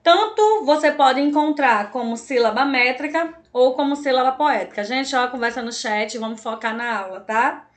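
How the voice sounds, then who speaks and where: A woman with a high-pitched voice and a Brazilian Portuguese accent teaches Portuguese in an online class at a normal pace. She keeps checking in with her students every few lines, asking "tá, gente?" and "certo?".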